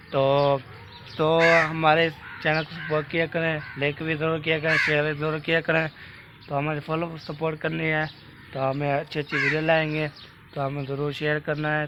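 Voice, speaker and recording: A Pakistani man with a Pakistani accent, talking fast and rambling as he vlogs from his village. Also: a little high, highs cut off. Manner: fast, rambling, says he talks fast. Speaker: village vlogger. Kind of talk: casual vlog narration. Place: rural village outdoors. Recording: noisy outdoor recording, birds. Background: birds and outdoor ambience.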